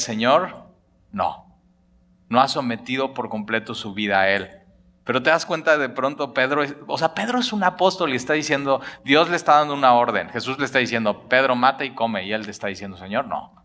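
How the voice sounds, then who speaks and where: A man preaching a sermon as pastor, retelling a story with lively acted-out dialogue and jokes. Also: mid-range voice.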